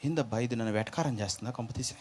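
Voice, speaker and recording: A worried male disciple, put on by a preacher, drops into a low, hushed mutter. He coaxes and schemes under his breath. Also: rapid-fire, slightly rough, lightly acted. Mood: hushed scheming.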